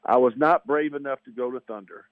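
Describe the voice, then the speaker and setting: A man's voice: medium pitch, a little fast, dry recording. Man, 50s, nasal, congested, tinny phone line, dry. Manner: chatty, folksy, repeats himself. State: congested from allergies. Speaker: high school athletic director. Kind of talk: phone-in radio interview.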